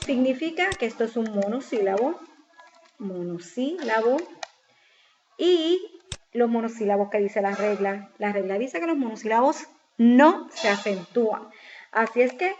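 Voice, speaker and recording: A woman's voice: fairly high pitch, expressive, normal speed, a little mellow. A woman teacher patiently explaining a spelling exercise step by step, asking questions and answering them herself. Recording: slightly dull lo-fi recording with faint noise.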